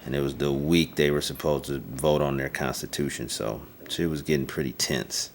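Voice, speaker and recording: An actor playing a matter-of-fact squad leader describing checkpoint duty. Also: male voice, a bass voice, fairly even intonation, normal speed, a little hiss or hum. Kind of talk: dramatic monologue.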